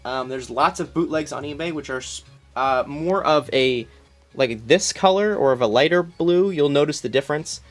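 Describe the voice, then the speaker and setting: A young collector gives a casual room tour, showing his collection to a phone camera in a small room at home while rambling with many ums and restarts. His voice is on the high side at a normal speed, with soft music in the background.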